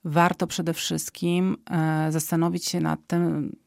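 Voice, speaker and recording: A woman speaking as an expert guest in an interview, explaining calmly with frequent hesitation fillers and a habit of ending points with a questioning tag. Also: low-pitched, slow pace, vocal fry, no room sound, clean studio sound. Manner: calm and explanatory, often ends points with a questioning "tak?".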